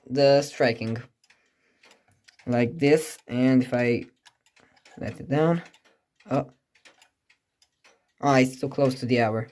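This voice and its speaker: Next to a ticking clock indoors, a clock collector gives an informal hands-on demonstration, hesitantly musing as they think out loud. Their mid-range voice is a little mellow.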